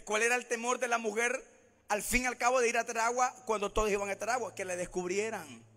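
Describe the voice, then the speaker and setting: A man's voice: extremely high pitch, fairly even intonation, fast, a bit bright, big-room sound. A Salvadoran man with a Salvadoran Spanish accent, preaching a sermon in church, who keeps calling out to the congregation as brothers and sisters.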